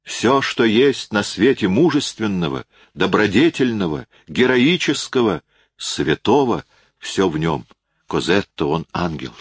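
A man's voice: fairly low pitch, sing-song, measured pace, slightly rough, no echo, studio quality, pitched above the performer's own voice, heavily acted. A man reading an audiobook, voicing an impassioned, insistent young man who speaks in emphatic exclamations. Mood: passionate.

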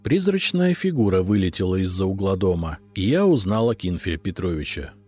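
A man narrating a fantasy audiobook in the first person, with expressive, lively storytelling. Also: deep voice, a little fast, husky, faint music behind. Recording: dry close studio recording.

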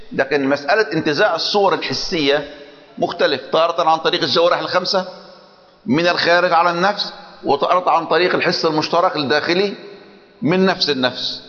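A man's voice: on the high side, fast talker, a bit bright. A man teaching a logic class who keeps questioning his students and checking that they follow. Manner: questions students, repeats "clear or not?". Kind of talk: classroom lecture. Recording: muffled recording in a long-reverb hall.

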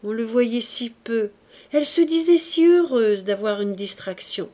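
A woman reading a classic novel aloud as an audiobook, in a calm, even way. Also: on the high side, unhurried. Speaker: audiobook reader. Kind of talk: literary audiobook narration.

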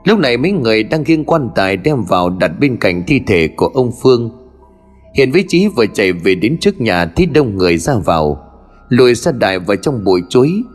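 A man's voice: medium pitch, big pitch swings, brisk. A man narrating a horror story expressively. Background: faint music.

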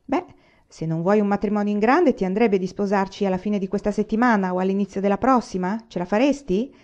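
A woman's voice: mid-range voice, brisk, darkish tone, dull audio, lightly acted. A woman reading the part of an earnest young frontier man who pleads urgently and anxiously. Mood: agitated.

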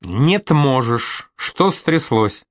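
A man reading an audiobook and voicing a calm female therapist who questions gently but insistently. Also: medium pitch, extremely slow, no room sound, clean studio sound, pitched above the performer's own voice. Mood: gently probing. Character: calm, probing female therapist, middle-aged.

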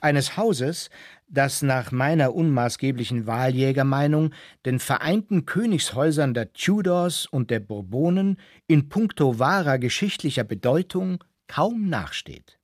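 A man's voice: medium pitch, expressive, unhurried, dry recording. A man tells a radio drama story in the first person, wry and wandering. The recording is dry and close with no room sound. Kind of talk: scripted narration.

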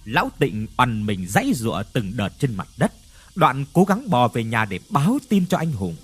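A male storyteller reads a ghost story with expressive, dramatic delivery. His pitch sits in a middle range and moves in a lively way. His voice carries a husky edge. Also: normal speed. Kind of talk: scripted ghost story narration.

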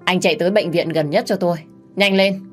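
A man's voice: fairly high pitch, normal speed, faint music behind, close to an everyday voice. A woman voicing a protective young man, urgent and commanding as he shields his hurt lover. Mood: angry, commanding.

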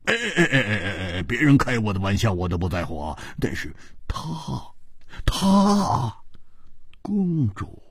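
A man storyteller voicing a brash, excitable hard-drinking swordsman who stammers in panic, in a traditional storytelling style. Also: a little slow, slightly rough, dry recording, full character voice. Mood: grumbling. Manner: stammers in panic, high and shrill.

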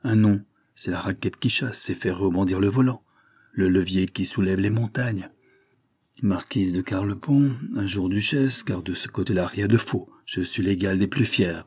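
A man's voice: sits low, moderate pace, darkish tone, husky, dry recording. Man reading as a scheming young widow. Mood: brooding. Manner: pleading, brooding monologue. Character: scheming young society widow, proud and restless.

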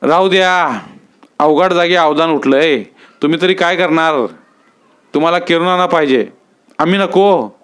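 A man's voice: fairly high pitch, moderate pace, pauses often, a bit bright, clean tone, voice pushed up, natural voice. A man reading a story aloud, voicing Dajiba, a blunt, scheming village man with rustic speech.

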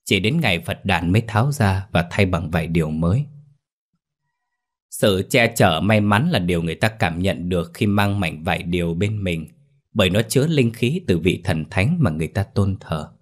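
Man narrator, deep voice, husky, scripted ghost story, faint music behind. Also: expressive, moderate pace.

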